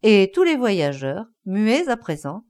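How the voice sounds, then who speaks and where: A woman narrating a classic story, expressive and acting out the scenes. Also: mid-range voice, slow. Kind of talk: storybook reading.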